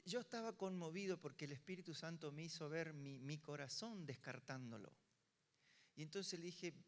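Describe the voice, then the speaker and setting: An older Argentine pastor with a Rioplatense Spanish accent preaches from the pulpit and acts out each voice in his story. His voice sits a little high for a man. The room's long reverb trails after his words. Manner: animated storyteller acting out dialogue. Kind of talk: sermon storytelling.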